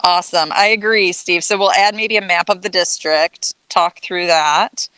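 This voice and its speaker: A woman's voice: lowish voice, fairly even intonation, normal speed, bright, forceful tone, slight background noise, low-quality recording. A woman on a school board, thinking aloud in a casual meeting discussion with many fillers and restarts.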